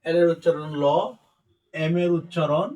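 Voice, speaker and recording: A man's voice: on the high side, flat delivery, normal speed, darkish tone, distant mic, poor audio. A male English teacher giving a spelling and pronunciation lesson, spelling out letters one by one and talking directly to his students.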